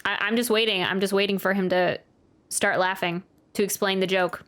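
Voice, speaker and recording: Over game music, a young woman gamer hosting a reaction video chats playfully and expressively, sometimes reading the game's dialogue aloud. Her medium-pitched voice is steady, fairly bright, and moderately paced.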